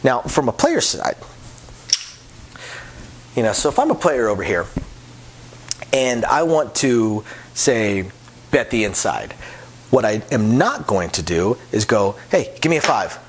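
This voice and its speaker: A man's voice: fairly low pitch, very animated, slow pace, long pauses, slight background noise. A man who works as a craps dealer explains table etiquette in a casual, rambling way, repeating words and using lots of fillers. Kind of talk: casual explanatory talk to camera.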